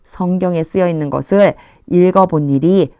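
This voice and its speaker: A woman leads an English Bible lesson, reading each phrase slowly and then explaining it in a friendly, chatty way. Her voice sits a little low, and the recording is dry and close. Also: warm tone, clean tone, no room sound. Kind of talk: Bible verse translation lesson.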